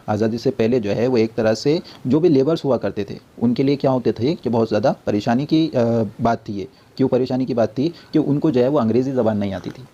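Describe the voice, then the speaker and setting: A man's voice: medium pitch, mellow. A male teacher giving a classroom lecture, often asking a question and answering it himself, repeating points as he explains. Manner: repetitive, explanatory. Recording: dull lo-fi recording.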